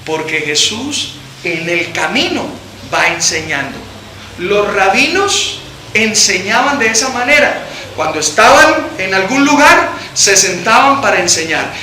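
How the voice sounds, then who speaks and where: Impassioned high-voiced man preaching. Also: slight background noise. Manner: impassioned, alternating loud and soft. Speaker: pastor. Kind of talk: sermon. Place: church hall with congregation. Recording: very echoey church hall. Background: congregation answering.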